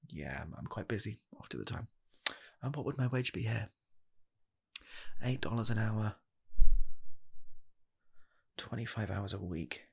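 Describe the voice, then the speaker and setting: A man in his 20s performs an improvised comedic ASMR job interview as an earnest, nervous rocket scientist pitching himself for fast-food work. His low voice is very breathy, husky and gravelly with vocal fry, soft and slipping into whispers, expressive and heavily acted. Awkward and hesitant, he speaks haltingly, stammers and doubles back on his phrases.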